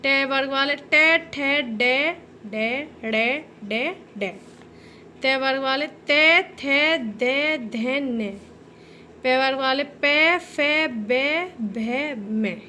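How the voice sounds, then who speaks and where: Woman teacher with a Hindi accent, high voice, unhurried lesson delivery, faint hiss under the recording. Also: sharp tone. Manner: slow, careful, drawn-out sounding of letters, addresses listeners as "beta". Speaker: school teacher. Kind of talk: recorded Hindi grammar lesson for young children.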